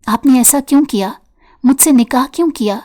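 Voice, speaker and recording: Woman reading a scared young woman, crying, pleading, higher voice, storybook. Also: mellow, lightly acted. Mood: weeping. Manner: pleading and tearful. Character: frightened weeping young woman.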